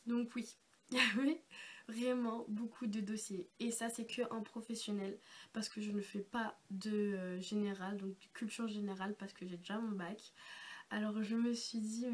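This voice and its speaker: A young woman vlogger with a congested, sick-sounding voice, explaining things in a casual, chatty, rambling way. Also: medium pitch. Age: young adult. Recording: noisy amateur home-video sound.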